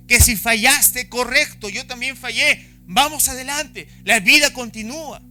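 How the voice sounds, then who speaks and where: A Chilean man preaches to his congregation with passion, slipping into the voices of people he quotes. His voice sits a little high and rings very bright. Soft instrumental music plays faintly beneath the sermon. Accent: Chilean Spanish. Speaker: pastor. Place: church service.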